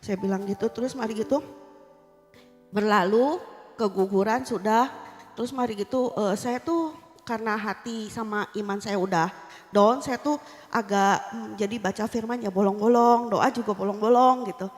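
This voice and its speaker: A woman's voice: medium pitch, moderate pace. Earnest woman telling her testimony in a hall. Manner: earnest, casual storytelling, often repeating "I said". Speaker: church member giving testimony. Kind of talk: personal faith testimony. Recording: long hall reverb with soft music behind.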